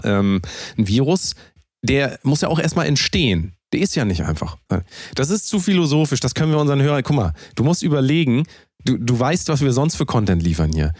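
A man's voice: mid-range voice, darkish tone, dry recording, clean studio sound. A man co-hosting a podcast in casual banter, joking and dismissive, rambling with restarts. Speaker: podcast co-host.

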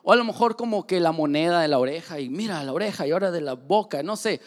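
A high-voiced man with a Mexican accent preaches to a congregation, joking and acting out small scenes in different voices. He sounds like he is in his thirties. His voice rings with long reverb through a large church hall. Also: lively intonation, fast. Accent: Mexican Spanish. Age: 30s. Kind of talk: lively sermon.

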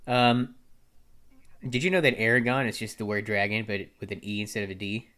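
A man's voice: fairly low pitch, fairly even intonation, a little fast, fairly bright tone. A man in his mid-twenties co-hosting a casual podcast, dry and easygoing, wrapping up the show. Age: 20s. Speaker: podcast co-host. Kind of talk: casual chat, show wrap-up.

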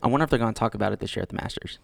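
A man co-hosts a casual podcast and answers with dry wisecracks. His voice is low and gravelly. It is recorded close and dry, with no room sound. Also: racing, no room sound. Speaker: podcast co-host.

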